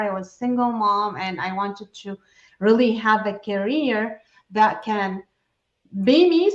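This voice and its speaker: Woman, from Syria, middle-aged, interview guest, earnest, chatty, restarts, echoey dull video-call sound. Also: fairly high pitch. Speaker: guest, enrolled agent for nonprofits. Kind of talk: casual interview talk.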